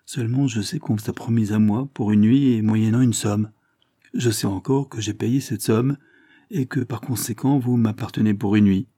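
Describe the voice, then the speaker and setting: A man's voice: fairly low pitch, steady tone, moderate pace, mellow, no echo, studio quality, lightly acted. A man reading aloud and voicing a bold, cold young man from the Calabrian mountains, with an intense, rising delivery. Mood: explaining.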